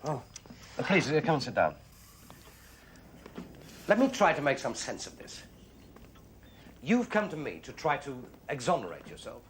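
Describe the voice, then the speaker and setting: An actor playing a wary, courteous reclusive poet, measured and guarded, in a film. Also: male voice, medium pitch, sing-song, a little hiss or hum, natural voice. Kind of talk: film acting.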